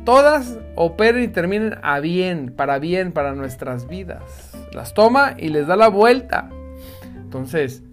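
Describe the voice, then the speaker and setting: A Bible teacher, giving devotional teaching in an animated, conversational and emphatic way. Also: mid-range voice, a little slow, faint music behind.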